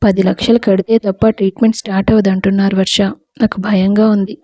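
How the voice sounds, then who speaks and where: A worried young husband who is devoted to his sick wife, as a woman storyteller plays him. He sounds pleading and quick to flare up, in a mellow, breathy voice. The recording is dry and close. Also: mid-range voice, little pitch movement, no room sound, muffled recording, close to an everyday voice.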